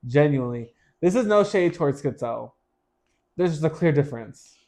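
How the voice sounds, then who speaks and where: A man's voice: a little high, expressive, normal speed, a little mellow. A man co-hosting a podcast, telling the story of a competition in a candid, wry way. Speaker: podcast co-host. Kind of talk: casual chat recounting a drag competition.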